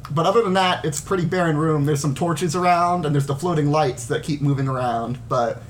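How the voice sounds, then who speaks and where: A man's voice: on the high side, fairly quick, slight background noise. A man casually narrating a tabletop game as the game master.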